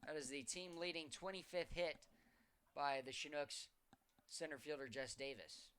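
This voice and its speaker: A man calling baseball play-by-play as the team's announcer, keeping a steady call that lifts in energy on hits. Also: a little high, normal speed, smooth.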